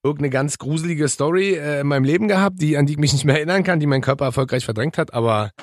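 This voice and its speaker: A man's voice: a little high, racing, dry recording, studio quality. A man co-hosting a casual podcast, chatty and teasing, with frequent hesitations. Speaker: podcast co-host. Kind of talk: casual chat.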